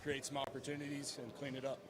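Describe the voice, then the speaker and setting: A man's voice: mid-range voice, level tone. A man playing amateur hockey, out of breath and talking casually in a rinkside interview. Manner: casual and rapid, with loose fillers. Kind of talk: rinkside post-period interview.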